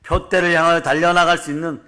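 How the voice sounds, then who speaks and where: A man preaching a fervent revival sermon to a congregation, declaring blessings and prompting the listeners with quick tag questions. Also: a little high, level tone, sharp tone. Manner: emphatic declarations answered by the congregation. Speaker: pastor. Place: church service before a congregation.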